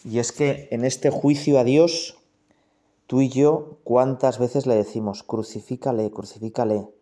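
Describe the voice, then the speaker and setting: A man's voice: mid-range voice, slow, mellow. Man, Spain Spanish accent, prayer leader; reflective guided meditation, talks straight to the listener. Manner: reflective, addresses listener directly.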